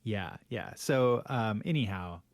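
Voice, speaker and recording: This middle-aged podcast co-host shares family stories in loose conversation, often restarting and laughing as he rambles. His voice sits on the low side and sounds animated, he takes his time, and the recording has no room sound.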